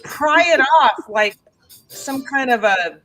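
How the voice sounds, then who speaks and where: A woman's voice: sits high, expressive, slow, fairly bright tone, rough recording. A woman comedy panelist telling a casual story, brash, profane and enthusiastic.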